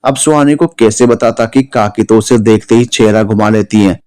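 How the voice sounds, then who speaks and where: A man's voice: lowish voice, moderate pace, a little mellow. A man narrating an emotional story as a storyteller, voicing all the characters himself and raising his voice for the women and the angry moments. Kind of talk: scripted narration with acted dialogue.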